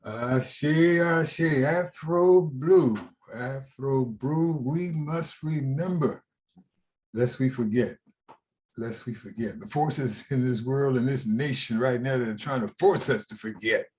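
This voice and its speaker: A man's voice: mid-range voice, slow, a little mellow. A man leading a church service, speaking in rhythmic, repeated phrases.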